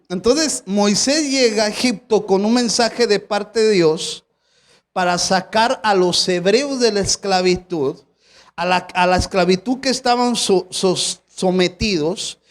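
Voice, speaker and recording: A pastor, preaching a sermon with emphatic rhetorical questions to the congregation and a few English words dropped in. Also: male voice, high voice.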